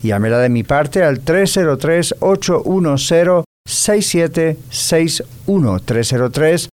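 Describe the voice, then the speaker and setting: Male announcer, clear smooth voice, formal sponsor read, careful number delivery. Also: fairly high pitch, animated, darkish tone. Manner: formal, spells out phone numbers slowly. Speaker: radio announcer.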